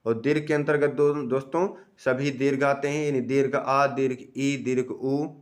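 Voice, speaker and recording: A man teaching an exam-prep grammar lesson, asking the class questions and answering them himself, slowly drawing out each vowel sound he demonstrates. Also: medium pitch, little pitch movement. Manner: stretches out sounds slowly when pronouncing vowels.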